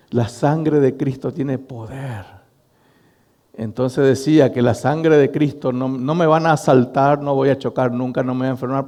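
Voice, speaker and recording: A middle-aged male pastor, preaching a sermon and telling a story to his congregation. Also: mid-range voice. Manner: storytelling, addressing the congregation as brothers, animated. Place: church hall. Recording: long reverb of a church hall.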